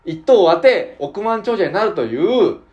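A man's voice: sits high, very animated, normal speed, darkish tone, muffled recording. A man co-hosting a comedy podcast, casual banter with silly wordplay. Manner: playful, silly voices and wordplay. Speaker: comedy duo member, podcast co-host. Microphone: studio mic.

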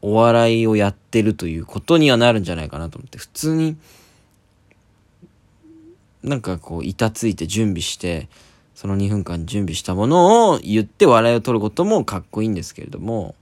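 A man's voice: on the low side, sing-song, moderate pace, a little mellow, dry recording. A young man, a comedian hosting a solo talk podcast, chatting casually and rambling with many fillers.

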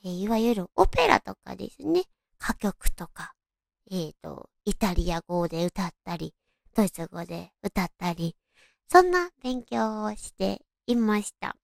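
Cute anime-voiced young woman, slight creak. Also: mid-range voice, big pitch swings, unhurried, dry recording, studio quality. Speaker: host of a solo audio show. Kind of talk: casual self-introduction talk.

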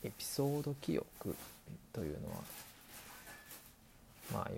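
A man's voice: lowish voice, gravelly, background noise. A man voicing an elderly male doctor who patiently explains, dragging out his old-fashioned sentence endings. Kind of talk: scripted explainer dialogue.

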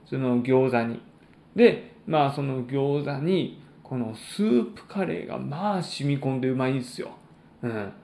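Polite male podcast host, creaky and echoey. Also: medium pitch, expressive, mellow. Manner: polite, formal announcer-like phrasing with frequent pauses. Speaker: podcast host and stand-up comedian. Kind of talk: solo podcast chat with polite announcements.

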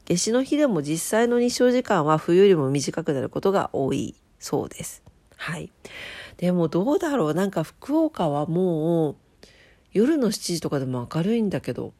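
A woman's voice: on the low side, sing-song, normal speed, a little mellow, no room sound. A woman hosting a casual, chatty solo radio show in polite speech, her voice nasal from a blocked nose. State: stuffed-up nose.

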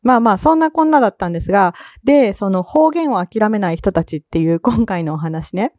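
A chatty woman with a Kansai accent talks alone into the mic in a loose, rambling way, breaking into little laughs. Her voice is mellow and warm, and the sound is close and dry with no room behind it. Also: medium pitch, lively intonation, a little fast, no echo. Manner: chatty, laughs often, frequent fillers. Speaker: solo podcast talker. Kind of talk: casual solo chat.

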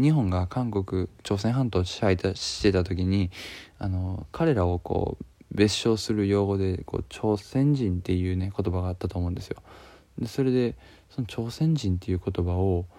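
A man's voice: deep voice, gravelly, warm tone, dry recording. A man with a Kansai accent chatting casually to camera, joking and using many fillers. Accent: Kansai Japanese. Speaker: video creator. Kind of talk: casual talking-to-camera vlog.

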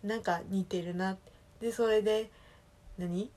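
A woman from Osaka speaking with a Kansai accent, chatting casually alone in a relaxed, rambling way that keeps correcting itself. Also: medium pitch, a little slow. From Osaka, Japan. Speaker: solo podcast talker. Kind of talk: casual solo chat.

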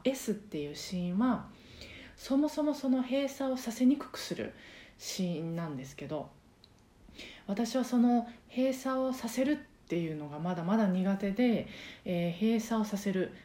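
A woman hosting a casual solo podcast, talking in a soft, breathy voice with many fillers as she explains things. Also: mid-range voice, roomy sound. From Osaka, Japan. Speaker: podcast host and karaoke teacher.

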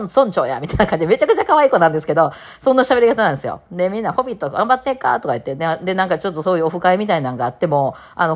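Woman, Kansai accent, rapid casual podcast chat, lively storytelling. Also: lowish voice. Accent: Kansai Japanese. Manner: chatty storytelling, lively asides. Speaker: podcast host.

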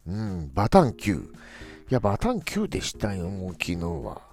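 A man's voice: sits low, huge pitch swings, fairly quick, darkish tone, soft background music. A man hosting a casual solo talk show, musing playfully and acting out quoted phrases. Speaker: podcast host.

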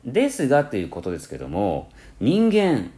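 A man from Kansai, Japan hosts a casual solo radio talk, speaking at a normal speed in a mix of Kansai accent and standard Japanese. His pitch rises and falls in a lively way. As a podcast host, he rambles with many fillers and self-corrections.

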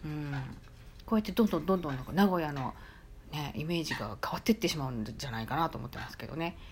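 A woman from Nagoya with a Nagoya accent, chatting casually on her own podcast with lots of soft fillers. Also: low-pitched, very fast, background noise. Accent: Nagoya dialect. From Nagoya, Japan. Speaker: podcast host. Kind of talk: casual solo chat.

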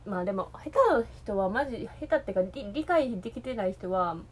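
A woman's voice: medium pitch, lively intonation, a little fast, breathy edge. A woman with an Osaka Kansai accent, chatting alone in a rambling, hesitant way, full of fillers and restarts. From Osaka, Japan. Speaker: podcast host. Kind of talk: casual solo chat.

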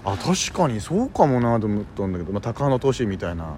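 Fast, animated man telling stories. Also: lowish voice, heavy background noise. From Japan, Tokyo. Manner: lively storyteller, acts out quotes. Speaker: podcast co-host. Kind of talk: casual chat about childhood.

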